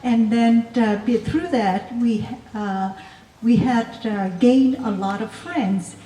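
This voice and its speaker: A woman's voice: a little high, slow pace, warm tone. A woman giving a hesitant wedding toast full of fillers. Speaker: former colleague giving a toast. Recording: echoey room, distant mic, faint noise.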